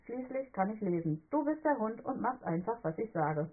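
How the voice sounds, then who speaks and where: A woman voicing a bossy, eager young girl who talks in a commanding, excitable way. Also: a little high, normal speed, phone-quality sound.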